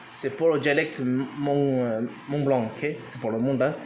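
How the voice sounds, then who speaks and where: Guy slowly walking through a language lesson, lots of ums and restarts, faint hiss behind. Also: medium pitch, steady tone. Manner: halting, many fillers and restarts, spells words out. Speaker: language teacher.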